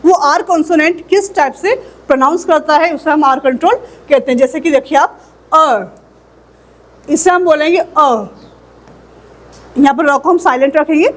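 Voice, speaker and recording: A high-voiced woman teaches an English phonetics lesson, explaining things patiently. She pronounces model words slowly so learners can repeat them.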